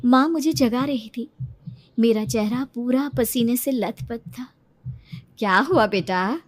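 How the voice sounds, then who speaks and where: A woman's voice: fairly high pitch, steady tone, a little slow, a little mellow. A woman narrating a tense, suspenseful first-person story for a cartoon.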